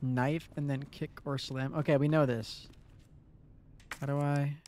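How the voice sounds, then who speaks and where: A man's voice: on the high side, little pitch movement, measured pace, warm tone, a little hiss or hum. A man streaming a horror game with casual, sweary commentary and scared, startled reactions. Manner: sweary, blunt.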